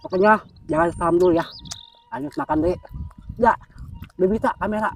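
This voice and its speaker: A woman's voice: medium pitch, very animated, a little fast, gravelly, a little mellow. A woman chats casually as an outdoor mukbang host, talking with her mouth full as she eats. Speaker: vlogger hosting an outdoor eating show. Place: outdoors on a windy hillside plantation. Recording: noisy outdoor recording with clicks. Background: wind and outdoor nature sounds.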